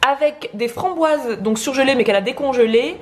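Slight background noise accompanies a young woman's high, fairly quick voice. She's a vlogger co-host chatting to camera in her kitchen at home, lively as she explains the breakfast she's cooking.

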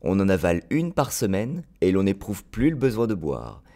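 Male audiobook narrator, low voice, lively expressive reading. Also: normal speed.

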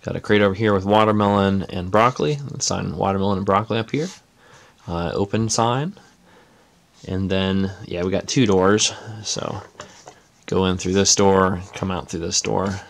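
A man with a low, gravelly voice talks through a casual show-and-tell from behind the camera. He speaks in a relaxed way, filling pauses with "uh" as he lists things one by one. He sounds like he is at a table indoors. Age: adult parent. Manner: relaxed, many "uh" fillers, listing items. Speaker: Lego builder showing his model.

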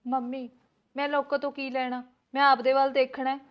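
ਇੱਕ ਔਰਤ ਪੰਜਾਬੀ ਲਘੂ ਫ਼ਿਲਮ ਵਿੱਚ ਜ਼ਿੱਦੀ, ਸ਼ਹਿਰੀ ਨੂੰਹ ਦਾ ਕਿਰਦਾਰ ਨਿਭਾ ਰਹੀ ਹੈ, ਜੋ ਜ਼ੋਰ ਦੇ ਕੇ ਸ਼ਿਕਾਇਤਾਂ ਕਰਦੀ ਹੈ।. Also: female voice, sits high, level tone, fairly quick, muffled recording, natural voice. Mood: defiant. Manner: insistent, complaining, argumentative. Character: young city-bred woman, stubborn and demanding. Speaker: new daughter-in-law. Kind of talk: Punjabi short film acting.

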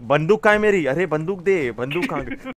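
A man playing a police officer in a role-play game, bossy and excitable as he leads his team. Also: on the high side, a little fast, a little hiss or hum. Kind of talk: casual role-play banter.

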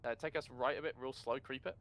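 A man commanding a vehicle crew in brisk, sweary bursts during a team game chat over a headset. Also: mid-range voice, steady tone, background noise. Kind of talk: gameplay team radio chat.

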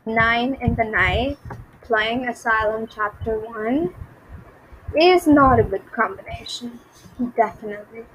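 A woman's voice: on the high side, takes it slowly, fairly bright tone, a little hiss or hum, low-quality recording. A young woman giving nervous game commentary, repeating herself and reacting to jump scares. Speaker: gaming YouTuber.

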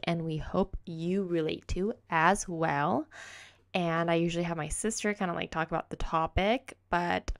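A young woman raised in the United States hosts a casual solo podcast from home, speaking close to a silver desk condenser mic in an indoor room with a kitchen behind her. Her voice is lowish, and she's chatty and rambling, correcting herself and saying "like" constantly.

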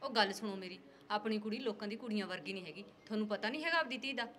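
Caring Punjabi village mother, played by a woman; persistent, pleading, high and quick. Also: fairly bright tone. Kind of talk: village drama acting.

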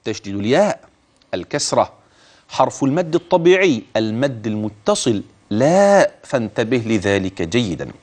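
Man teaching Quran recitation, lively pitch. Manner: addresses the listener directly, urging attention; stretches words slowly to demonstrate pronunciation. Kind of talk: tajweed lesson with recited examples.

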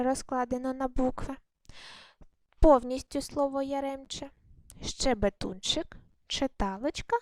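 A woman teaching a primary school class in a recorded lesson, her voice sitting a little high. She talks patiently, asks a question and then answers it herself, and stumbles now and then into fillers and self-corrections. The recording is dry and close, with no room sound. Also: a little mellow, dry recording.

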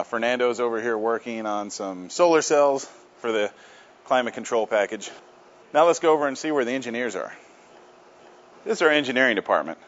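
A man's voice: fairly low pitch, dull audio. Man giving a casual factory tour. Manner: friendly, plain-spoken, with frequent uh fillers. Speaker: company tour guide. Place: workshop and offices, indoors.

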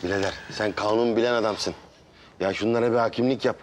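An actor playing a brisk bystander in a comedy series who scolds two quarreling men and calls for a ruling. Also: male voice, fairly low pitch, fairly even intonation, slight background noise, close to an everyday voice. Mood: appealing. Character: bystander man breaking up a quarrel. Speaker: sitcom character.

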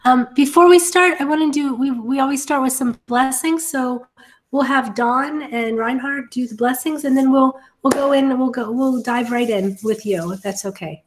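A woman's voice: high voice, normal speed, low-quality recording. A middle-aged woman hosting a casual webinar over a video call, sounding a little short of breath from bronchitis. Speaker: webinar host. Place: home office, indoors, on a video call.

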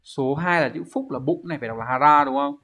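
Talking fast with a fairly high pitch and fairly bright tone, a Vietnamese-accented man runs through a Japanese exam lesson. He asks himself questions and explains every answer step by step, all on a dull lo-fi recording.

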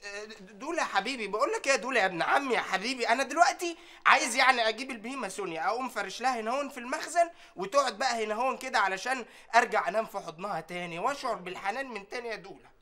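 A man's voice: very high-pitched, expressive, racing, pushed and bright, exaggerated voice. An actor with an Egyptian accent playing a whiny, simple-minded young village man in a TV sitcom, with a childlike, tearful way of talking. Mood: plaintive. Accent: Egyptian Arabic. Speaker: sitcom character. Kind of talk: TV sitcom acting.

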